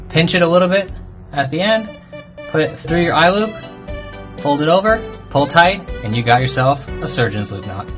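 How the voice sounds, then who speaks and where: A man in his thirties giving a brisk, upbeat step-by-step tutorial on fishing knots, recorded on a phone at a kitchen sink. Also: mid-range voice. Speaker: fishing knot instructor.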